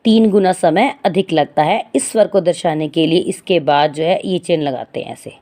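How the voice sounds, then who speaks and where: A woman with a lowish, dark-toned voice teaches a Hindi grammar lesson at a moderate pace. She explains by posing questions and answering them herself, drawing out vowel sounds to demonstrate.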